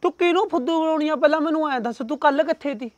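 A man's voice: extremely high pitch, very fast, dull audio, a little hiss or hum. A young man acting a jealous, hot-headed son who talks in an insistent, demanding way. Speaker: son and temp worker.

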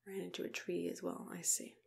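A young adult woman plays a dentist in an ASMR roleplay, whispering softly close to the mic in a gentle, unhurried, reassuring way. Her voice sits on the low side, creaky, with little pitch movement.

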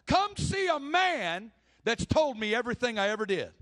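A man's voice: very high-pitched, sing-song, moderate pace, a bit bright. A man preaching a sermon with passion, acting out the people in the story he tells. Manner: impassioned, acts out the people in the story.

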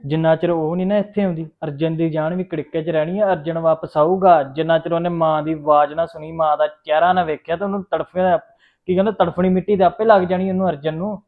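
A man's voice: a little high, steady tone, fast talker, lightly acted. A man playing a scheming, short-tempered husband who talks brusquely and keeps cutting in. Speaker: husband on a phone call. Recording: phone-like narrow sound.

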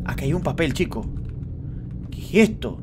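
A man commentating a horror game for his viewers, joking and teasing, dropping to hushed suspense and then bursting into shrieks. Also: fairly high pitch, very animated, normal speed, noisy background. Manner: swings between hushed suspense and sudden loud shrieks. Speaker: gaming youtuber. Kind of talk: excited let's-play commentary.

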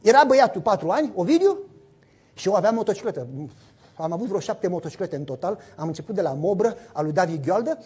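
A middle-aged man preaching a sermon, telling stories with lively acted-out voices and sound effects. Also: sits high, breathy edge.

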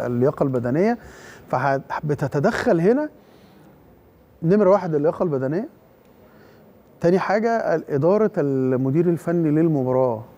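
A fast-talking Egyptian man with an Egyptian Arabic accent analyses a football match in a TV studio. His voice is slightly high and gravelly, with a dark, mellow tone, and he keeps restarting words and padding with fillers. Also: lo-fi sound. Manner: hesitant, many fillers and restarts.

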